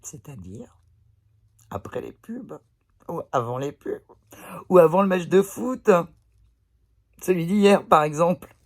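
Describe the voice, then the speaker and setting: A woman vlogging to her phone indoors, telling everyday anecdotes in a blunt, chatty way with plenty of swearing. She takes her time over the words, unhurried and drawn out. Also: lowish voice, expressive. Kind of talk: casual storytelling to camera. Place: indoors, pillow behind her. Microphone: phone camera.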